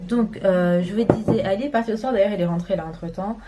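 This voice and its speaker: A woman's voice: mid-range voice, fast, very noisy. A woman in her twenties from France, chatting casually to camera at home, rambling with many fillers. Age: 20s. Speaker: vlogger. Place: home, indoors.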